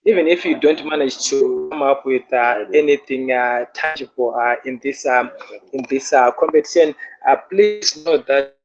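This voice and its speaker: A man's voice comes through a glitchy online call that breaks up, with dull, lo-fi sound. He talks at a middle pitch and hesitates a lot, filling his gaps with uhs and restarting his sentences as he addresses the event's participants. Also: normal speed, soft background music. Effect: choppy, breaking internet call audio. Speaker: hackathon organizer. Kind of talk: live-streamed online event remarks. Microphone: remote call connection.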